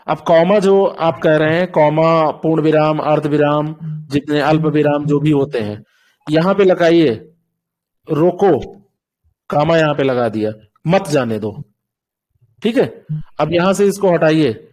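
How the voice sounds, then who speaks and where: High-voiced man teaching a patient online class. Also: normal speed, darkish tone. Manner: patient, explains with repeated examples. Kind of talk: online doubt-clearing class.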